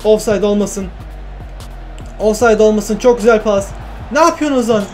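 A man narrating his football video game play in excited, repetitive exclamations. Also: high voice, normal speed, soft background music. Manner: exclaiming and repeating phrases. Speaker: gaming YouTuber.

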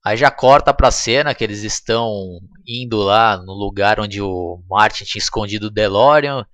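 A man's voice: on the low side, normal speed, fairly bright tone, no room sound. A man with a Brazilian accent, chatty and slangy, casually retelling a film scene by scene as a reviewer and checking in with his listener again and again. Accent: Brazilian Portuguese.

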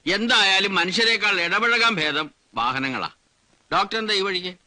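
Genial car-loving priest. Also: male voice, high-pitched, animated, normal speed, pushed and bright, no room sound, exaggerated voice. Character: genial priest obsessed with vehicles.

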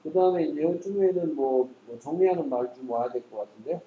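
A man's voice: a little high, fairly quick, roomy sound, phone-quality sound, a little hiss or hum. A man tutoring English one-on-one, quizzing his student and joking bluntly, in a casual lesson. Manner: teasing, quizzing, blunt slang.

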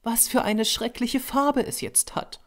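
A man doing a pert, scolding young woman. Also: unhurried. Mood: indignant. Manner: high, scolding and teasing. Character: young female artist's model, pert and scolding.

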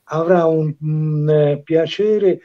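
A man from a calligraphy association, speaking slowly and reflectively in a casual chat, over dull lo-fi audio. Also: a little high, steady tone. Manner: slow, reflective, speaks in aphorisms.

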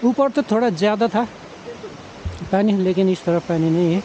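Outdoors on mountain roads, a man in his forties gives casual trek-vlog narration into a camera held at arm's length, working English words and phrases into what he says. The travel vlogger's high, mellow voice moves at normal speed. The camera audio sounds slightly dull and muffled, with a little hiss or hum.

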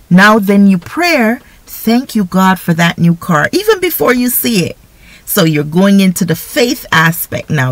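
Slow, low-voiced woman teaching on prayer. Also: dry recording, poor audio. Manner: conversational, often asks listeners "right?". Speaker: faith speaker. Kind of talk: informal devotional teaching.

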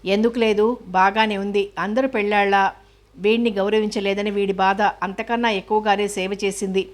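A woman's voice: medium pitch, level tone, moderate pace, close to an everyday voice. Hot-tempered scolding man friend, voiced by a woman, storybook reading, level tone. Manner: scolding and forthright.

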